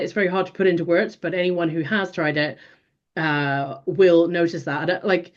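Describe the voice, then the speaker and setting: A woman's voice: on the low side, dull audio. A woman in her forties, a native Finnish speaker, talking thoughtfully as an interview guest, with many restarts and fillers. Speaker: guest, behavioral strategy consultant. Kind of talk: casual interview talk.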